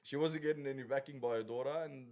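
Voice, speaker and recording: A man's voice: mid-range voice, steady tone, a little mellow, slight background noise. Jokey man hosting a podcast. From Australia. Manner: jokey, laughs often, quick asides. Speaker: podcast host and shop owner. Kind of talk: casual podcast banter.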